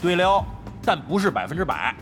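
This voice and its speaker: With soft music in the background, this actor delivers the same cocky, slangy veteran gamer from a Chinese audio drama, a brash and crafty middle-aged man who grumbles and swears through his banter. Here he sounds opinionated, his fairly high, slightly bright voice very animated at a moderate pace.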